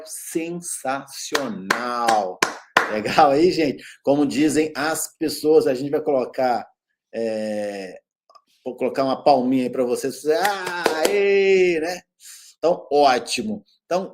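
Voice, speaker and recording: A man with a Brazilian Portuguese accent teaching a grammar lesson on video, talking straight to viewers and stretching out the example words. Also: on the high side. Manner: lively, calls out to viewers, drawn-out example words.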